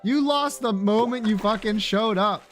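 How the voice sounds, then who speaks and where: This man is livestreaming a video game and chatting with viewers, his remarks casual, blunt, slangy, sweary, and playfully opinionated. His voice sits high with a fairly bright tone and a moderate pace, over faint background music.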